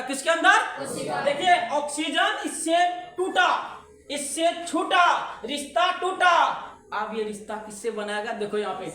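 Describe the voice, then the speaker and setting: A woman's voice: high-pitched, roomy sound. A woman science teacher, giving an online class in a playful call-and-response way and laughing often.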